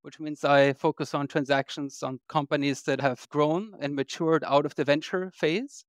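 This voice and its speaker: A man from Austria, an investor guest on a podcast, explaining in a measured way. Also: on the high side, steady tone, smooth, no echo, clean studio sound. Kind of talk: podcast interview.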